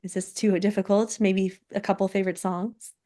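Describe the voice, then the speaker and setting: A woman hosting a casual podcast chat, soft-spoken and laughing often, her voice a little scratchy from being sick. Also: medium pitch, level tone, moderate pace. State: recovering from illness, scratchy voice. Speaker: podcast host.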